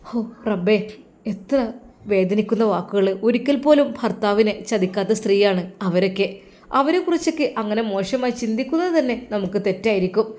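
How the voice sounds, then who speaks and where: A woman's voice: on the high side, darkish tone, close to an everyday voice. A woman voicing a devout young man, earnest and pained. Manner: earnest, pained inner monologue. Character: young man, devout and troubled religious student.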